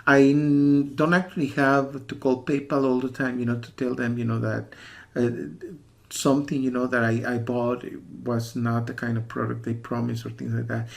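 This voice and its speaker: A man's voice: medium pitch, flat delivery, moderate pace, gravelly. A man from the USA giving a casual spoken review as a warning to viewers, rambling and insistent, often repeating himself. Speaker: software reviewer.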